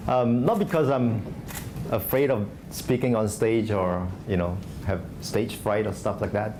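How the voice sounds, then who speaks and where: Background noise accompanies this Singaporean venture investor as he gives a loose, conversational talk on a startup conference stage. He speaks at a fairly low pitch, often using fillers and restarting his sentences.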